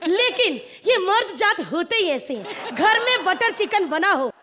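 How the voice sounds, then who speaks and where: A woman's voice: extremely high pitch, big pitch swings, a little slow, crowd noise, full character voice. A woman playing a boastful, cheeky princess in a stage comedy sketch, flirting and bragging. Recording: noisy live stage with audience.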